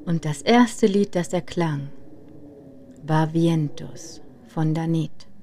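Calm low-voiced woman telling a story. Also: slow pace, a little hiss or hum. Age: 30s. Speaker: podcast narrator. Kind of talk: first-person travel story narration.

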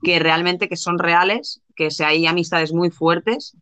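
Woman co-host, bright, dry sound, halting delivery. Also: lowish voice, fairly even intonation, dry recording. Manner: hesitant, many fillers and restarts. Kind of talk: casual live podcast chat.

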